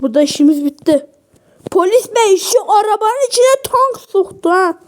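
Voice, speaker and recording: Very high-pitched woman yelling through gameplay. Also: animated, normal speed. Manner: yelling, taunting, rough slang. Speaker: gaming video host. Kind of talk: excited gameplay commentary.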